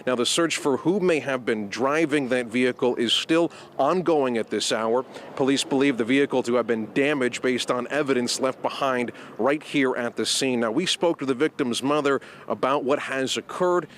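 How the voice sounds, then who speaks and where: A man reporting live for the evening news from outdoors, with a measured, formal delivery. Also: medium pitch, slight background noise. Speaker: field reporter. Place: outdoors at a scene.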